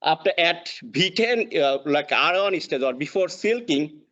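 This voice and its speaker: A man from Bangladesh with a Bangladeshi accent delivers an extension lesson over slides, pausing often on fillers and restarting phrases. His voice sits fairly high for a man. The audio is dull and lo-fi, as from an online meeting. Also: expressive, fairly bright tone. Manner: halting, frequent uh fillers and restarts. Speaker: extension soil fertility specialist.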